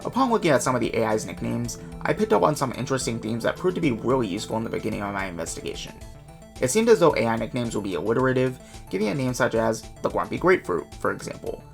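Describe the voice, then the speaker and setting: A man narrating a casual video with a quick, self-mocking, chatty delivery. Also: medium pitch, big pitch swings, creaky, soft background music. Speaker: YouTuber and documenter.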